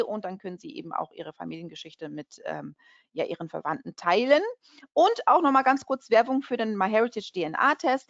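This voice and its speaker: A woman's voice: mid-range voice, gravelly, no room sound, dull audio. A woman from Portugal hosting an online webinar in a friendly, chatty way, with many fillers and restarts. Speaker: webinar host. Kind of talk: casual webinar presentation.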